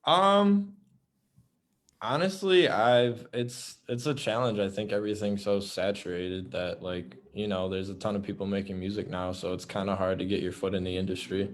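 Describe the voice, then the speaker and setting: A man's voice: lowish voice, steady tone, normal speed. Laid-back young male musician. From United States. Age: 20s. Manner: laid-back, modest, short answers. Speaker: guest musician. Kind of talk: casual interview answers.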